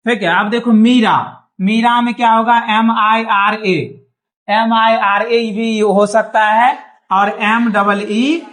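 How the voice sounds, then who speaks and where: A man's voice: high-pitched, fairly even intonation, slow, a bit bright. Guy teaching a class, patient, keeps checking everyone gets it. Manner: patient, repeats checks like "thik hai?". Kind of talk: classroom lesson. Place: small classroom.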